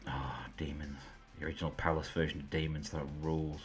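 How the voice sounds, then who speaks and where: A man hosting a late-night stream, chatting casually and amused as he browses, sometimes dropping quiet and offhand. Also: a bass voice, flat delivery, brisk. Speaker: host. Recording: faint background music. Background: faint background music.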